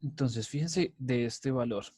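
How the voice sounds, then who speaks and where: A man's voice: medium pitch, a little slow, warm tone, husky, no echo. A male math teacher from Colombia giving a recorded lecture, explaining step by step and checking in with the class again and again. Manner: repetitive, many "entonces" and "¿sí?" checks.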